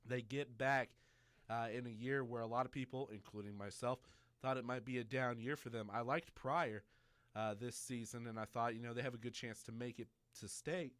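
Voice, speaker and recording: A man hosting a high school sports talk show, chatty and joking with fillers. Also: fairly even intonation, moderate pace, a bit bright, no echo. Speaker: sports radio host.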